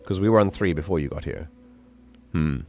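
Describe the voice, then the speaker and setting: A man's voice: low-pitched, fairly quick, darkish tone, faint music behind. A man chatting casually as he streams a game, in a rambling, hesitant way. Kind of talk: casual livestream chat.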